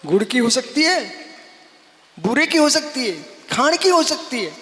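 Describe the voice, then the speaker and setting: A man's voice: very high-pitched, big pitch swings, a little slow, bright, forceful tone. A man giving a sermon as a monk, exhorting his listeners, calling them by name and repeating phrases for emphasis. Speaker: Jain monk preacher. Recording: long hall reverb.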